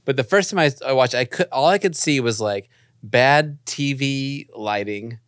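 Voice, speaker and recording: A man's voice: mid-range voice, a little slow, smooth, dry recording, clean studio sound. A man talking in a laid-back, hesitant way in a casual podcast chat.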